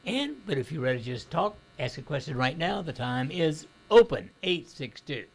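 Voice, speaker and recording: A man's voice: fairly high pitch, sing-song, normal speed, creaky, a little hiss or hum. A man hosting a call-in talk radio show, blunt and outspoken in his opinions.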